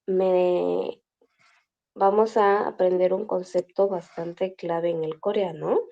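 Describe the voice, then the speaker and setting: A woman's voice: fairly low pitch, steady tone, takes it slowly, creaky, mellow, dull audio. A woman teaching a language class over a video call, explaining patiently step by step and checking in with her students often.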